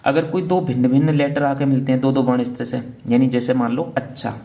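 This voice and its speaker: Gravelly-voiced man teaching a lesson. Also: mid-range voice, steady tone, a little fast, mellow. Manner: asks question then answers it; repeats "theek hai na" as a check-in. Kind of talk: exam revision lecture.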